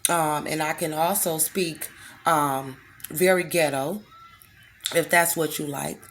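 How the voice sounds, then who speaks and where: Woman vlogger, low voice, angry and emphatic, strained throat, faint noise behind. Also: fairly even intonation, slow pace, fairly bright tone. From United States. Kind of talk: direct-to-camera monologue.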